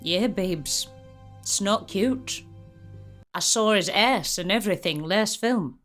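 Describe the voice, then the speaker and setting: A woman's voice: mid-range voice, expressive, takes it slowly, fairly bright tone, faint music behind. A woman reacting to a film with crude, ranting comedy, talking in a put-on Scottish accent like a stern old teacher. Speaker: reaction video host.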